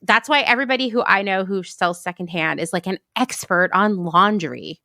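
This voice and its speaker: Woman podcast host, gravelly low voice, dry close sound, casual and chatty. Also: lively intonation, moderate pace, pushed and bright, no room sound. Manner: chatty, laughs easily, casual fillers. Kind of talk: conversational interview and outro.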